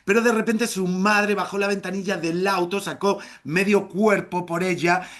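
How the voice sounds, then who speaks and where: Man, middle-aged, storyteller, high-pitched, playful, comic, theatrical. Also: steady tone, moderate pace. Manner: playful, humorous, with theatrical shouted exclamations. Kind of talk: live oral storytelling.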